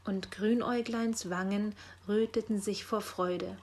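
Slow, calm woman reading a story aloud. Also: mid-range voice. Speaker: narrator. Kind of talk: storybook narration.

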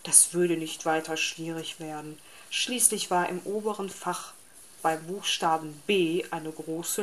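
Woman reading a kids' story, slow and gentle, lowish voice. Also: slight background noise. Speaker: narrator.

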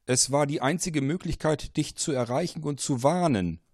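A man's voice: on the high side, moderate pace, a little mellow, no echo, clean studio sound, voice pushed up, lightly acted. A man voicing a mysterious male caller who urgently warns of danger, pressing and commanding. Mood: insistent.

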